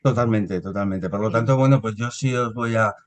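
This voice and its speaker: A man's voice: on the low side, brisk. Hesitant man hosting a podcast. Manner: hesitant, with many fillers and restarts. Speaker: podcast host. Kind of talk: hosting a business videopodcast.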